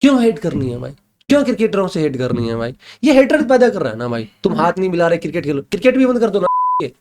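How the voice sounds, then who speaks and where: A young man from Haryana argues hard as a podcast guest, his voice pitched high and swinging widely. He hammers each point home and keeps calling his host "brother". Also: wildly swooping pitch, fast. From Haryana, India. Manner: emphatic, keeps saying "bhai", repeats points. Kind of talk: heated casual debate.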